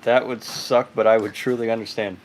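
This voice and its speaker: A man's voice: on the low side, little pitch movement, brisk, slight background noise, poor audio. A man hosting a casual live stream from his garage, chatting and laughing while he reads out viewer comments. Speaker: livestream host. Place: home garage. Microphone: phone on tripod.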